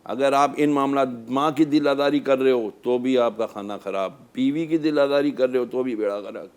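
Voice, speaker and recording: A man's voice: mid-range voice, darkish tone, smooth. Man, religious scholar, talk-show guest, preacherly, emphatic. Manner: preacherly, rising to emphatic exhortation.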